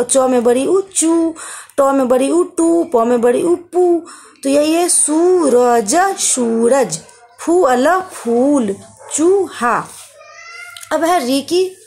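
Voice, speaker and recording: Woman primary teacher, high and slow, patient, stretches each syllable for small kids. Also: darkish tone, slight background noise. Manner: patient, drawn-out sounding of syllables, calls listeners beta. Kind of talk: online Hindi lesson for young children.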